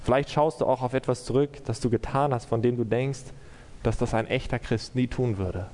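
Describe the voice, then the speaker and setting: A man's voice: mid-range voice, fairly even intonation, a little mellow. Earnest male preacher in a reverberant hall. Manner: earnest, measured preaching with rhetorical questions. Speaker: pastor. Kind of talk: sermon and closing prayer.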